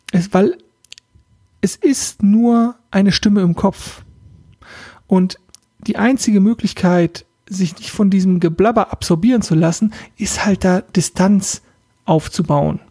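A man talks on his self-help podcast in a relaxed, reflective way, speaking straight to the listener. His voice is husky and mellow, with a soft, grainy edge. The sound is dry and close, with no room around it. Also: high-pitched, no room sound. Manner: casual, thoughtful, addresses listener directly. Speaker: podcast host and coach.

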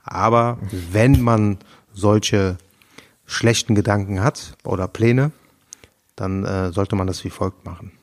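A man co-hosting a podcast who talks in a measured, mock-serious way and asks follow-up questions. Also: fairly low pitch, fairly even intonation. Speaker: podcast co-host. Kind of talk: casual chat.

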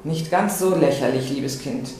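A woman reading the part of a condescending older gentleman, speaking slowly and patronisingly in a literary reading. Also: deep voice, a little hiss or hum. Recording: very echoey room, faint ambience.

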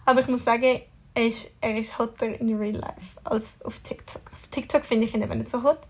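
A woman's voice: fairly high pitch, fairly even intonation, fairly quick, breathy edge. A young woman with a Swiss German accent in casual chat as a podcast co-host, mixing in English slang. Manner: chatty, mixes in English slang.

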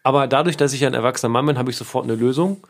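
A man's voice: mid-range voice, rapid-fire, gravelly. A young man co-hosting a casual podcast, telling stories and teasing his partner in a playful way. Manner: playful, teasing, animated storytelling. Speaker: podcast co-host.

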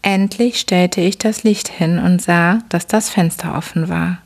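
A woman hosting a sleep podcast, reading a bedtime story aloud in a soft, slow, whispery voice. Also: fairly low pitch, fairly even intonation, vocal fry.

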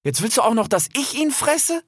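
Man doing a young grey fox, high and jittery, stammers, voice swings a lot. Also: very animated, normal speed, slightly rough, dry recording, studio quality, exaggerated voice. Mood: indignant. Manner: stammers when flustered. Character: young grey male fox, jumpy and stubborn. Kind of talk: audiobook character voice.

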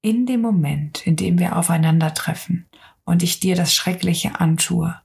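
A woman voicing a kind, patient friendly soul in a whispered role-play, speaking softly and calmly with a husky voice. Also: lowish voice, normal speed, heavily acted. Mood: solemn. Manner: soft, gentle, calm.

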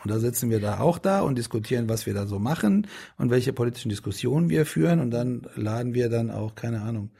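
A man's voice: medium pitch, animated, quick pace, creaky, hardly any pauses, mellow, husky. A middle-aged man in a casual interview, talking in a rambling way with many restarts and fillers. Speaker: politician guest.

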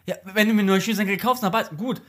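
A woman's voice: medium pitch, quick pace. A woman co-hosting a casual chat, throwing in blunt, teasing remarks.

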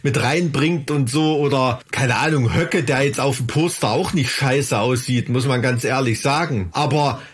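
A man's voice: medium pitch, normal speed, hardly any pauses, husky. A man co-hosting a podcast, chatting casually and sardonically about politics, with frequent hesitations. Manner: sardonic, hesitant with many fillers. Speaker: podcast co-host.

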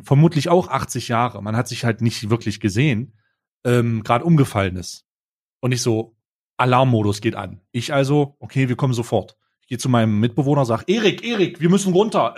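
Breathy-edged and mid-range, a young male podcast co-host spins a story in animated, slangy fashion, restarting himself often.

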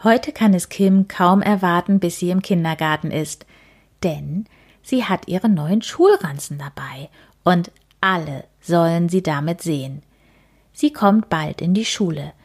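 Woman reader, unhurried, low-ish voice, gentle storytime delivery. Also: animated, husky. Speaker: reader of a children's book. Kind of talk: reading a children's story aloud.

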